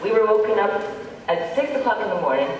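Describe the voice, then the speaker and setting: A man's voice: high-pitched, sing-song, fast talker. A man playing a bragging old man in an echoey hall. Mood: boasting. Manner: one-upping, mock-grim bragging. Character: boastful old man exaggerating childhood hardship. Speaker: amateur stage actor. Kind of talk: stage comedy sketch. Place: hall stage. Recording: echoey hall from far off, with noise.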